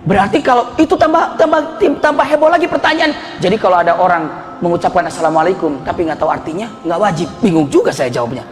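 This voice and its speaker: A middle-aged man preaching a lively sermon full of stories, animated and often laughing, his voice leaping up for emphasis. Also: high voice, quick pace. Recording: reverberant hall with faint music.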